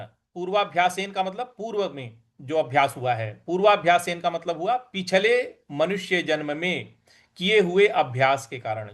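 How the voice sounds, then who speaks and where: A man teaching how to recite Sanskrit verse, breaking words into syllables and repeating them slowly and deliberately. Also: a little high, fairly bright tone. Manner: slow, deliberate syllable-by-syllable drilling.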